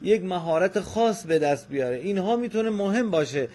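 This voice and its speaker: A man's voice: sits high, expressive, warm tone. Polite, formal male radio host.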